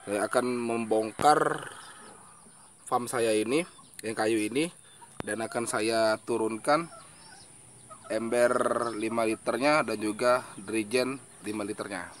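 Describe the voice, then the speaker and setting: A man's voice: lowish voice, takes it slowly, long pauses, slight background noise. A man talking casually into a handheld phone outdoors, explaining his fish farm work step by step. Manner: chatty, explaining step by step, frequent "ya". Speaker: hobby guppy farmer and vlogger. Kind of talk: casual outdoor vlog narration. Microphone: handheld phone camera.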